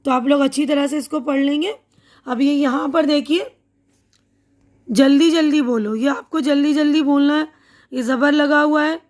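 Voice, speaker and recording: A woman teacher giving a slow, patient reading lesson to young children, sounding out syllables and repeating them. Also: high voice, fairly even intonation. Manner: explains slowly, reads syllables aloud and repeats them.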